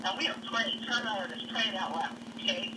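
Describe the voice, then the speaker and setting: A woman giving an urgent, halting eyewitness account, repeating herself and restarting as she talks. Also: mid-range voice. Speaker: eyewitness interviewee. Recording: distant mic with clear background noise.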